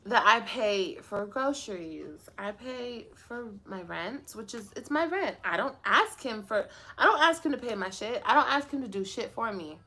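A woman's voice: fairly high pitch, bright, forceful tone. A young woman venting a profane, sarcastic story to her live stream viewers.

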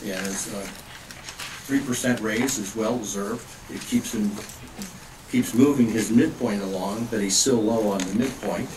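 Brief: male board director, casual asides, distant table mic in an echoey hall with steady background noise. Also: on the low side, a little slow. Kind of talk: meeting remarks. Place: public board meeting room.

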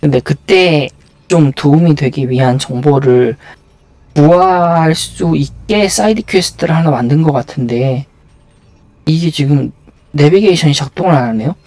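A man's voice: fairly high pitch, moderate pace, a little mellow. A man giving casual live video game commentary, muttering and thinking aloud to himself as he plays.

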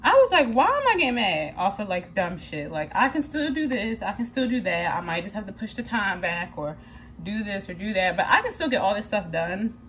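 A woman's voice: medium pitch, very animated, brisk, a bit bright, a little hiss or hum. A young woman talking casually to her vlog audience while cooking in her kitchen, chatty and candid, filling her talk with "like" and casual swearing. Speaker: vlogger. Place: home kitchen.

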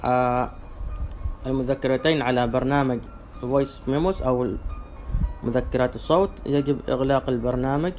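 Male software instructor, average pitch, halting step-by-step delivery, faint background music. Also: steady tone. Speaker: tutorial presenter. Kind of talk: step-by-step spoken software demonstration.

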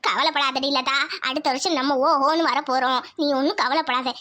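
A woman's voice: high voice, fairly even intonation, moderate pace, bright, forceful tone. A woman voicing several village women in a cartoon series, talking in emotional, pleading dialogue.

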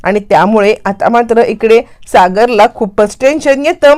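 A woman's voice: a little high, moderate pace, a little mellow. A woman retelling a serial story, dramatically acting out the characters' lines in her own voice.

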